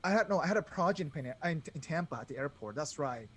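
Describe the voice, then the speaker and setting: Relaxed guy cohosting a podcast, chatty and chuckly, a bit of noise behind him. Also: on the high side, very fast. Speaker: podcast co-host. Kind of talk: casual chat.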